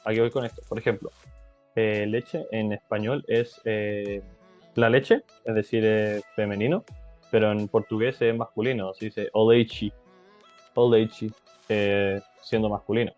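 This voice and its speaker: A young man from Chile giving a casual tutorial as a language tutor, halting with many fillers and restarts. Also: fairly low pitch, fairly even intonation, darkish tone, muffled recording, faint music behind.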